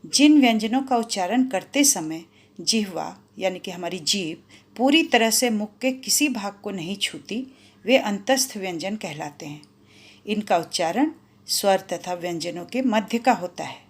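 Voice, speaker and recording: A woman's voice: mid-range voice, animated, a little slow. A woman teacher explaining Hindi grammar to schoolchildren, drawing out each example sound. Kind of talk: explaining a grammar lesson to children.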